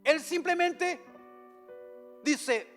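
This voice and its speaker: A man's voice: very high voice, very slow, a bit bright, soft background music. A man, a pastor, preaching a sermon in church with impassioned delivery, often acting out prayers aloud.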